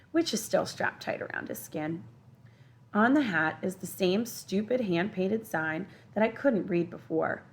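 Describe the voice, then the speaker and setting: A woman teacher reading a children's novel aloud in a steady, expressive first-person storytelling voice. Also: fairly low pitch. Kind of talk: children's audiobook narration.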